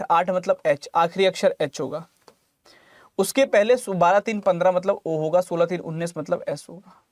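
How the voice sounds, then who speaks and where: Here a high-pitched man teaches reasoning for exams in an online class, walking through each calculation step. He mixes English words into his talk and warmly calls students lalla and mere lal; the sound is studio quality with no room sound.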